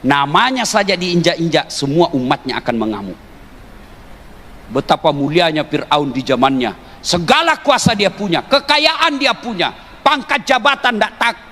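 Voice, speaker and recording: A man preaching a humorous sermon to a live audience. He teases and jokes, asks the crowd questions directly, and often rises into emphatic shouts. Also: fairly high pitch. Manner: jokey, teasing, often rising to emphatic shouts. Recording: long hall reverb with faint background noise.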